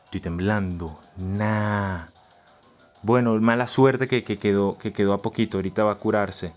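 A man hosting a let's-play, chanting and repeating words and swinging between low mutters and yells. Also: fairly even intonation, moderate pace, highs cut off, soft background music. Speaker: gaming channel host. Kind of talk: excited let's-play commentary.

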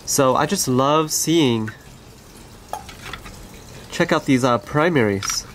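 A pet bird owner and channel host gently narrating pet footage in a casual, conversational way, recorded on the camera mic in an outdoor aviary. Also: mid-range voice, slow, background noise.

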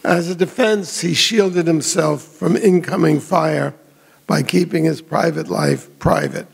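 Older man, gravelly and fairly high, measured memorial speech with hall reverb. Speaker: memorial speaker. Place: hotel ballroom.

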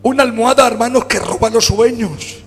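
A man with a Spanish accent preaching a fervent sermon in a church, swinging from low murmurs to shouts. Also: fairly quick, breathy edge. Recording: church hall reverb with faint music.

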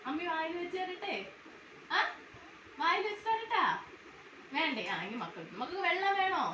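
A woman's voice: very high voice, sing-song, normal speed, pushed and bright. A woman playing a mother in a home skit, coaxing and scolding her little ones in sing-song baby talk. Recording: echoey room, distant mic, noisy background.

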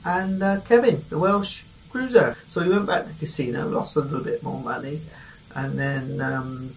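A man's voice: fairly high pitch, fairly even intonation, normal speed, slight background noise. A middle-aged man vlogging on a cruise ship, chatting with humor to a handheld camera in the dining room and bar. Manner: jokey, chuckling, talking straight to camera. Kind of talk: casual vlog chat. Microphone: handheld camera at arm's length.

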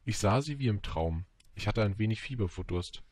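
A man narrating an audiobook in a measured storytelling manner. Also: lowish voice, lively intonation, a little mellow, no echo. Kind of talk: scripted narration.

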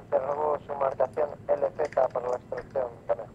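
A man's voice: mid-range voice, flat delivery, normal speed, vocal fry. A man heard over a radio in a game, calling in military radio procedure with clipped call signs. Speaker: command radio operator in a team game. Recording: muffled radio with background hiss.

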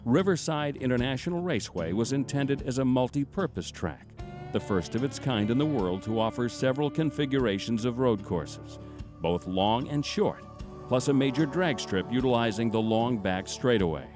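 A man giving scripted documentary narration in a measured, formal storytelling manner. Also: mid-range voice, expressive. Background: guitar music.

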